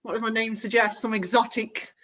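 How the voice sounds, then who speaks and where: A woman's voice: on the high side, fairly even intonation, brisk, a bit bright. A woman with an English Stoke-on-Trent accent, chatting casually as a guest being interviewed. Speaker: podcast guest, construction business owner.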